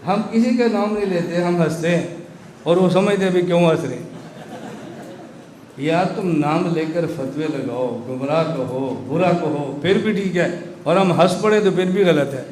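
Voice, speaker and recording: A man's voice: fairly high pitch, darkish tone. Rhetorical man lecturing in an echoey hall. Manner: rhetorical, keeps asking the audience to answer. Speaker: religious scholar lecturing students. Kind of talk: sermon-style lecture. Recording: echoey room with faint noise.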